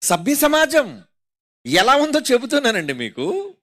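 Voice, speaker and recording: A man's voice: very high-pitched, wildly swooping pitch, a little slow, pushed and bright. A man with a Telugu accent preaching a sermon, mocking and rhetorical, constantly putting questions to his listeners. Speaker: pastor.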